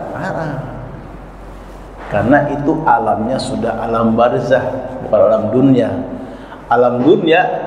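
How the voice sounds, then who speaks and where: Man preaching in an echoey hall. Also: mid-range voice. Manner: lively storytelling with acted quotes and chuckles. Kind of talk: sermon. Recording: echoey hall, dull lo-fi sound, faint noise.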